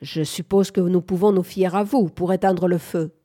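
A woman's voice: fairly low pitch, fairly even intonation, normal speed, mellow, natural voice. A woman reading aloud, voicing a curt, moody young farm woman with a terse, sullen manner. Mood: guarded.

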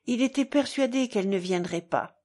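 A woman reading an audiobook, voicing a gentle, earnest young man who stammers a little. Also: a little high, moderate pace, close to an everyday voice.

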